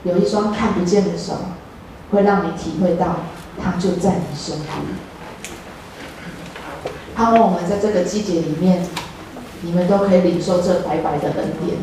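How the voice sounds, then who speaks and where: A woman's voice: lowish voice, normal speed, pauses often. Earnest Taiwanese woman preaching in an echoey church. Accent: Taiwanese Mandarin. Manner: earnest, encouraging, addresses congregation. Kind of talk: sermon. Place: church sanctuary. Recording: echoey church hall, distant mic, faint noise.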